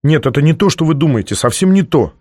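A man's voice: a little high, expressive, fast talker, a little mellow, slightly rough, no room sound, studio quality, pitched above the performer's own voice. A man reading a novel aloud, voicing a nineteen-year-old female student who answers in curt, sulky, defensive retorts.

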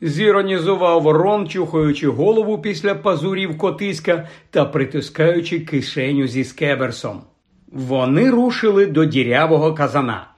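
Male audiobook narrator, expressive, slightly high pitch. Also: normal speed.

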